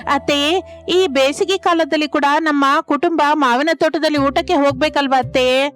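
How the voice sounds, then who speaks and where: A woman's voice: high voice, fairly even intonation, normal speed, a bit bright. A woman voicing a persuasive, caring young daughter-in-law in a cartoon story, with music under the voice. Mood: coaxing.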